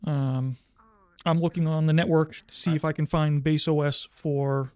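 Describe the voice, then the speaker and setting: A voice roleplayer explaining things in a plain, relaxed way. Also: medium pitch, moderate pace, clear, resonant tone, no echo.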